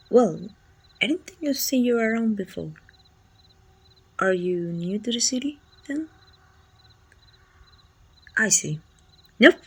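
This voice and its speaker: Speaking with a Mexican accent, a woman plays a helpful, talkative guard of a medieval fantasy city in ASMR roleplay, addressing the listener kindly and with reassurance. She uses a full character voice, mid-range and breathy, and comes across as helpful and curious.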